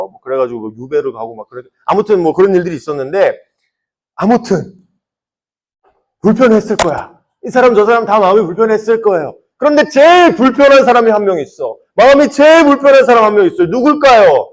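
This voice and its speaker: A young man, a youth pastor, preaching to teenagers in a conversational way, asking many questions and often dropping to a soft, quiet voice. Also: sits high, animated, brisk. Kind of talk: sermon to teenagers.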